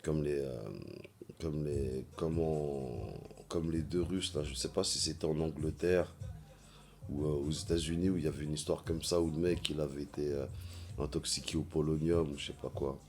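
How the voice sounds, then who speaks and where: A man vlogging in a casual monologue, halting often with fillers and repeating words as he searches for them. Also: very deep voice, steady tone, darkish tone.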